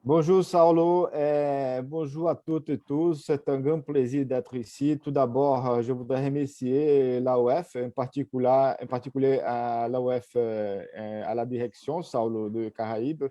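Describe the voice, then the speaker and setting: Male panelist with Brazilian-accented French, very soft dark timbre, close dry sound, courteous formal remarks. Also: mid-range voice, steady tone, unhurried, hardly any pauses, no room sound, lo-fi sound. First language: Portuguese. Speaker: webinar panelist, professor.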